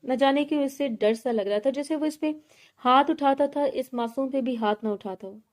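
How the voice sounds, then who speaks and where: A woman's voice: sits high, moderate pace. A woman reading a romance novel aloud, voicing all characters' lines in her own voice with light acting. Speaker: novel narrator.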